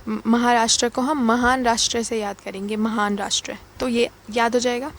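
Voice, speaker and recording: A woman's voice: fairly high pitch, level tone, moderate pace. A woman from Uttar Pradesh teaching an exam-prep lecture, playfully repeating key words and asking and answering her own questions.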